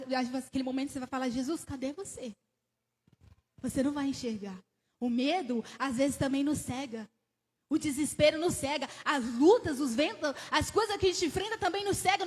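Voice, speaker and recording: A woman with a Brazilian Portuguese accent preaching a sermon in a church, telling the story with animated rises and questions to the congregation. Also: high voice. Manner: laughs between phrases. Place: church sanctuary. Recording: church hall with long reverb.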